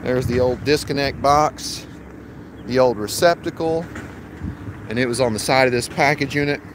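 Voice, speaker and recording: An HVAC technician in his thirties speaks at normal speed in a mid-range voice, casually explaining his job step by step to his phone camera on a commercial rooftop. He holds the phone at arm's length, so the outdoor audio includes traffic noise.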